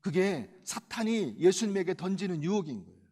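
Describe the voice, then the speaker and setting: High-voiced pastor preaching in a reverberant church. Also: male voice, sing-song, brisk, breathy edge. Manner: emphatic, swings between loud and quiet. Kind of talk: sermon.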